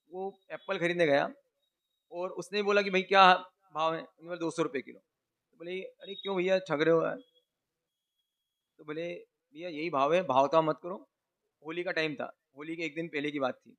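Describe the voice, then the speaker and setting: A man with a high voice delivers a sermon. He puts questions to his listeners, answers them himself, and tells little stories with the dialogue acted out. His voice shifts between soft and loud. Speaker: preacher. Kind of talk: monsoon-season sermon.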